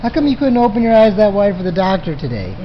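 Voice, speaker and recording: A woman's voice: mid-range voice, big pitch swings, fast. Cooing young mother, sing-song baby talk. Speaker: parent filming a newborn. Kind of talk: home video baby talk. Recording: dull home-video sound with faint hiss.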